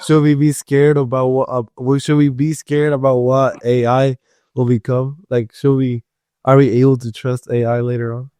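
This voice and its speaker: Young man, podcast host, clear resonant voice, joking slangy banter, dry recording. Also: medium pitch, flat delivery, normal speed, mellow, no room sound. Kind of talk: casual chat.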